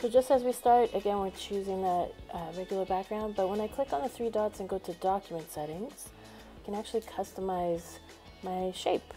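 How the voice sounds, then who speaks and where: Over music, a woman teacher narrates a screen-recorded tutorial at a moderate pace, her mid-range voice upbeat as she walks through each step.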